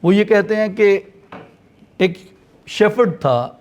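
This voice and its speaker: Man lecturing, pitch a touch high. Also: expressive, lo-fi sound. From Punjab. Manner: mixes English phrases into speech. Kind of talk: lecture with storytelling.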